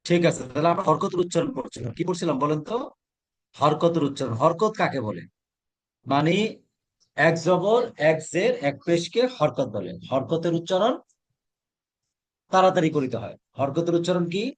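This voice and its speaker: A man's voice: on the high side, expressive, normal speed, long pauses. Man drilling a class with questions. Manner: asks questions and repeats answers, drills pronunciation. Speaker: Quran teacher. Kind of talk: teaching a class, call and response.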